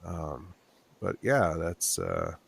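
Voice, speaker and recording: A man's voice: sits low, wildly swooping pitch, drawn-out words, vocal fry, breathy edge. A sleep-deprived man in his thirties, co-hosting a podcast in casual chat, rambling and restarting his sentences. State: tired, low on sleep. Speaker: podcast co-host.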